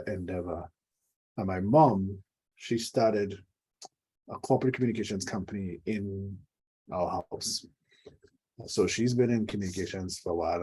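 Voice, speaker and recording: A man's voice: sits low, warm tone, husky, poor audio. A middle-aged man from Trinidad and Tobago, a leadership coach telling reflective stories with dry humor in an interview. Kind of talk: conversational interview.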